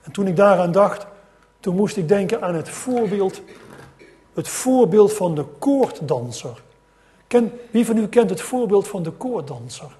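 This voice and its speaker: A man's voice: high voice, expressive, measured pace, warm tone. A middle-aged man preaching a sermon, telling a story with rising emphasis and frequent restarts.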